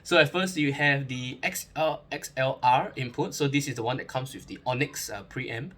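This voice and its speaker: A man's voice: mid-range voice, moderate pace, fairly bright tone. A young man talks casually through an unboxing review, chatty, with many fillers, restarts and joking asides. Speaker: gear reviewer.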